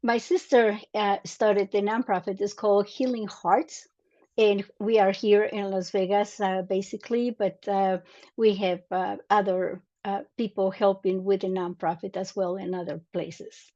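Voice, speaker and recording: A woman's voice: mid-range voice, fairly even intonation, a little slow, mellow, dull audio. A woman in her sixties from Mexico, a native Spanish speaker, earnestly telling her story as an interview guest with many fillers and restarts. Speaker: guest, Army veteran.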